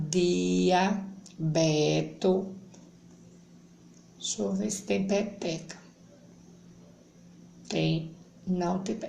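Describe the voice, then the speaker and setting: Slow syllable-reading woman teacher, echoey room. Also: on the low side, creaky, a little mellow. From Brazil. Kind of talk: reading a literacy worksheet to young children. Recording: echoey room, faint background hum.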